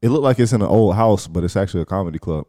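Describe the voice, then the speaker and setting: A man's voice: low voice, expressive, very fast, warm tone. A man co-hosting a podcast in casual, slangy chat, explaining things in a meandering way. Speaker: podcast co-host.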